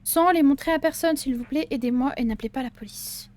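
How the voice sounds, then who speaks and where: A woman's voice: high-pitched, brisk, darkish tone, lightly acted. A woman reading out the lines of a male journalist customer in a horror game, pleading and urgent.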